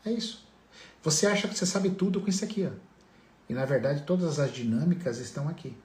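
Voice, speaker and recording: A man's voice: on the high side, lively intonation, fast, a little mellow, echoey room. A man giving a motivational talk on family healing, asking his listeners direct rhetorical questions.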